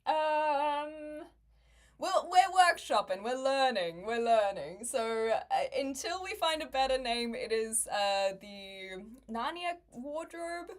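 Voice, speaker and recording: A woman's voice: sits high, animated, slow. A woman, chatting casually with viewers on a livestream, laughing often and making wry asides. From New Zealand. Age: 20s.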